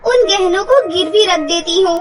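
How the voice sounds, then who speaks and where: A woman's voice: extremely high pitch, moderate pace. A woman doing a tearful young village girl. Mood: resolved. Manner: pleading, tearful when upset. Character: poor young village woman, devoted daughter. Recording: background music.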